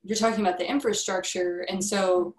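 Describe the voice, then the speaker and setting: A woman's voice: mid-range voice, fairly even intonation, brisk. A young woman hosting an interview over a video call, her questions loose and conversational. Her voice sits in the middle of the female range, and the webcam audio carries a noticeable room echo. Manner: conversational, building up long questions. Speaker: museum host and interviewer. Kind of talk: livestream interview. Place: indoor room with a plain wall.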